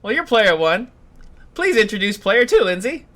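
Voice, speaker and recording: A man hosting a casual online video game quiz show, jokey and quick to laugh. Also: sits high. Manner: jokey, laughs often, lively.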